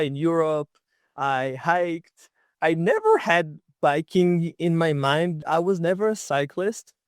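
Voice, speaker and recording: A young man from Israel chats easily in an interview, his voice sitting a little high for a man. He tells his stories in a loose, friendly way, dotted with fillers. The sound is dry and close, with no room around it. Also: no echo. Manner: easygoing, chatty, many fillers like "like" and "you know". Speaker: guest, long-distance bicycle traveler. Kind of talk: casual interview storytelling.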